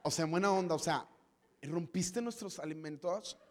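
A man's voice: a little high, normal speed, a little mellow, slight background noise, natural voice. A man putting on a snooty, posh young man's drawl full of airy fillers, with a Mexican Spanish accent. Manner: valley-girl style drawl, "o sea" fillers. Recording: long hall reverb.

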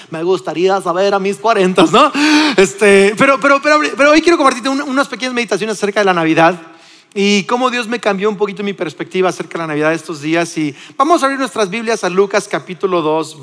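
High-voiced Mexican pastor preaching. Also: male voice, in a large hall. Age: 40s. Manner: animated, conversational preaching with many restarts. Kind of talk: sermon. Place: church.

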